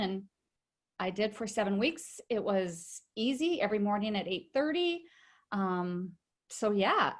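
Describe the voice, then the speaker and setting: A middle-aged woman, a guest in an interview, telling a personal story in a chatty way with many fillers and restarts. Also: mid-range voice.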